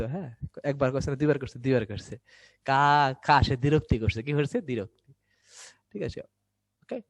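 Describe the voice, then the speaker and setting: A man's voice: medium pitch, dry recording. A young man teaching Bangla online, with a dry sound. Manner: quizzing students, answering his own questions. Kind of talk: online class lesson. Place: indoors, recorded for an online class.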